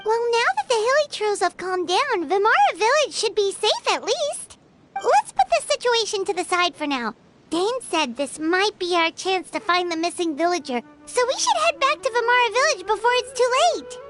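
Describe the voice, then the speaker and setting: A woman voicing a small, lively game companion girl who talks in chirpy exclamations, over background music. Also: extremely high pitch, moderate pace, full character voice. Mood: thoughtful.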